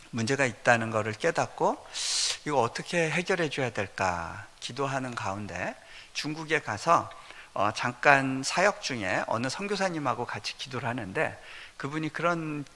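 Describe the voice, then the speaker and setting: A man's voice: mid-range voice, animated, moderate pace, pushed and bright. A man, a missionary preacher, telling personal stories in a conversational sermon, often chuckling between points. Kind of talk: storytelling sermon at a revival meeting. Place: church sanctuary. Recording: long reverb of a church hall.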